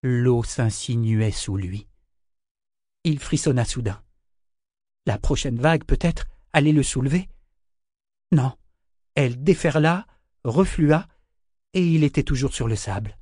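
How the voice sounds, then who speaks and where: A man reading a novel aloud in measured scripted narration. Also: mid-range voice, animated, a little mellow, husky, no echo, studio quality. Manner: measured, storytelling. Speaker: audiobook narrator.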